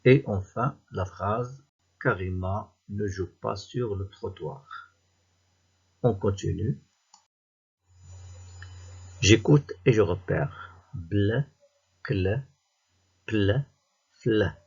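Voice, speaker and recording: A man with a Moroccan French accent, reading a worksheet aloud to young pupils as their teacher, slowly and deliberately, word by word. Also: fairly low pitch, creaky, a little mellow, husky, lo-fi sound. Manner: slow and deliberate, reading words and syllables one by one. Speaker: primary school teacher.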